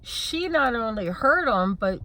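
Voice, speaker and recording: A middle-aged woman chatting casually on a vlog in an unhurried, relaxed way. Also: a little high, a little hiss or hum. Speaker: vlog co-host. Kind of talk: casual chat.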